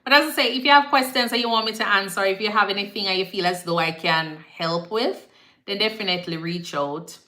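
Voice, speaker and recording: A woman's voice: mid-range voice, fairly quick, sharp tone. A woman with a Jamaican accent, a nurse hosting a casual live Q&A, chatty and repetitive, slipping into patois phrasing now and then. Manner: chatty, repeats herself, slips into patois phrasing. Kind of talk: casual live-stream chat answering viewer comments. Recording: echoey room.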